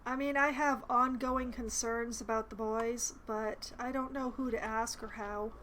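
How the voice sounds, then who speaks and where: A woman's voice: a little high, steady tone, unhurried, a bit bright, slight background noise, poor audio. A woman giving casual commentary as she plays through a video game. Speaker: player narrating a game playthrough.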